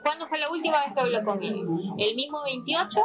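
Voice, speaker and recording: A woman's voice: high-pitched, animated, a little fast, over loud music. A woman interviewer asking short, prompting questions.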